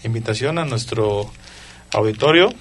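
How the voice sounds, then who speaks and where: A man's voice: lowish voice, moderate pace. A man co-hosting a sports radio show, chatty and encouraging toward the guest. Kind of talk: radio interview.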